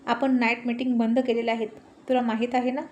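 A woman's voice: fairly high pitch, level tone, fast, a little mellow, lo-fi sound, close to an everyday voice. A woman reading a story voices a wife and mother who chides her family with affection, over faint background noise. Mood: chiding. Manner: chiding, affectionate. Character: fond, scolding wife and mother.

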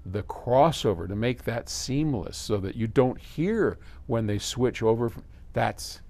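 In a small electronics workshop, a seventysomething American presenter from an audio company takes viewer questions, chatting to camera and answering with simple examples and side remarks. His warm, mid-range voice moves unhurriedly, with lively intonation.

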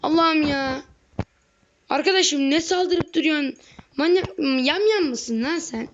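High-voiced excitable woman gaming commentator. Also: unhurried. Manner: excitable, yells at the game, slangy. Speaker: gaming video creator. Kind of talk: let's play game commentary. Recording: lo-fi with faint noise.

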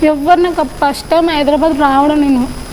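Hesitant high-voiced woman, Telangana accent. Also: steady tone, noisy background. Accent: Telangana Telugu. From Telangana, India. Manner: halting, hesitant, plainspoken. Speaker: interview guest. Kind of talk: personal testimony in an interview.

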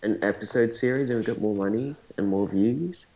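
A man's voice: on the low side, a little fast, warm tone, slight background noise, poor audio. A man playing an online card game with friends, making sarcastic, mocking remarks and jokes. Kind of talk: casual online game chat.

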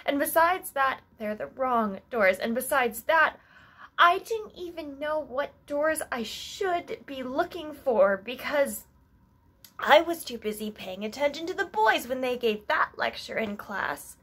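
In a stage monologue, a woman plays an earnest, anxious young female musician who is wistful and full of self-doubt. Her delivery is halting and reflective, broken by long pauses. Her voice is high-pitched and fairly bright, with lively intonation.

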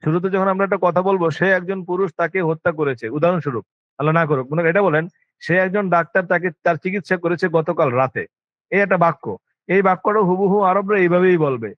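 An Arabic language teacher with a Bangladeshi Bengali accent lectures his students fairly quickly, insisting on his points with emphasis and firing off rhetorical questions. His voice is fairly high for a man, and the dry, dull recording has a lo-fi quality.

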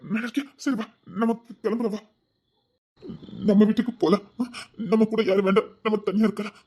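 A woman's voice: medium pitch, fairly even intonation, a little fast, mellow, husky, natural voice. A woman voicing a remorseful young husband, tearfully pleading and repeating apologies, in a spoken drama. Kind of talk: Tamil audio drama acting.

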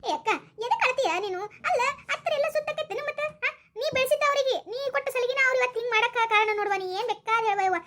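A chatty village woman with a North Karnataka accent fires off questions and advice at a brisk clip, played by a woman. Her voice is very high and quick, with plenty of rhetorical asides in a rural comedy skit. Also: sharp tone. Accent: North Karnataka Kannada.

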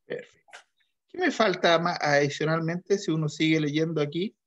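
A man's voice: a little high, moderate pace, highs cut off. A male accounting teacher leading an online class, patiently quizzing students step by step. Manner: questioning students, patient and methodical.

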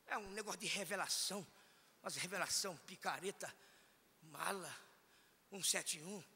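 High, fiery Northeastern Brazilian preacher. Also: male voice, normal speed, a little hiss or hum. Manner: fiery, comic, swings between mutters and shouts. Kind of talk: sermon. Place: church hall, in front of a congregation. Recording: echoey church hall.

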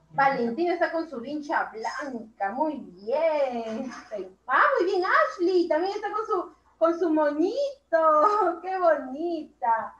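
A woman teaches young children over a video call, praising them one by one. Her voice sits high and moves slowly, stretching her words. The sound is roomy and a little dull. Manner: slow, drawn-out words, warmly praising children. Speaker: primary school teacher. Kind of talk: online class instruction.

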